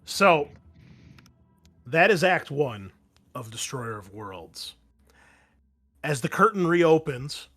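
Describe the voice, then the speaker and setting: A man serving as a tabletop game master narrates casually, addressing his players in turn, with music in the background. His voice is mid-range with a fairly bright tone.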